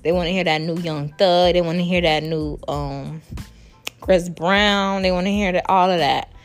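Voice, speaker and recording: With a steady tone and normal speed, a young female podcast host with a Caribbean accent talks listeners through casual advice. Her fairly low voice is soothing yet playful, full of laughter and upward pitch jumps for emphasis, over faint, soft music.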